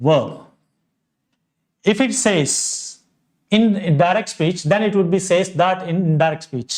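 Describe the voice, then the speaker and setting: Male Telugu-accented teacher, high pitch, unhurried, lists words one by one. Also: darkish tone. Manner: slow, repeats examples and lists word by word. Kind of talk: grammar lesson.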